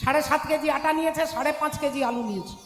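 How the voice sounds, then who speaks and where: A woman kirtan singer telling a devotional story in a lively, dramatic storytelling manner. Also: sits high, rapid-fire. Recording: echoey hall with music behind.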